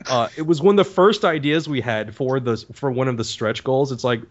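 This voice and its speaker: A man guesting on a podcast as a voice actor, telling stories in a casual, animated way full of "like" and "um". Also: medium pitch, normal speed, muffled recording. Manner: animated storyteller, peppered with "like" and "um".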